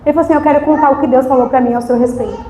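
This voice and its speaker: A woman's voice: high voice, racing, reverberant, heavy background noise. A woman deaconess from Brazil, giving a testimony sermon and acting out conversations as she tells the story. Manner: animated storytelling, acting out dialogue. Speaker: deaconess preaching. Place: church service.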